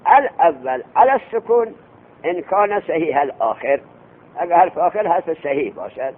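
A man teaching a classroom lecture on Arabic grammar, telling an anecdote, quizzing his students and chanting the text slowly. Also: a little high, very animated, husky. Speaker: religious seminary teacher. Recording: tinny lo-fi lecture recording with hum.

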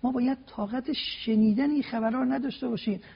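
A man with a very high-pitched, steady voice that is gravelly with a breathy edge speaks as a religious guest on TV. He lays out his points in order, using emphatic rhetorical questions, and the sound is dull lo-fi broadcast quality.

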